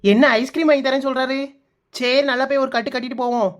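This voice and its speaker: A woman's voice: high-pitched, steady tone, fast talker, natural voice. A woman voicing a fussy, sulky young village wife in a cartoon comedy, with a Kanyakumari Tamil accent. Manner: whiny, sulky, nagging.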